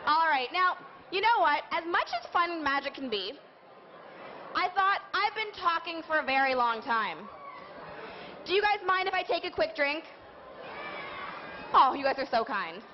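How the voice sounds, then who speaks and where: A woman's voice: high-pitched, big pitch swings, normal speed, pauses often. A woman presenting a live children's science and magic show in the playful manner of a kids' party magician, prompting the audience to join in. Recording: muffled live event recording, noisy crowd. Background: crowd of an audience, background noise.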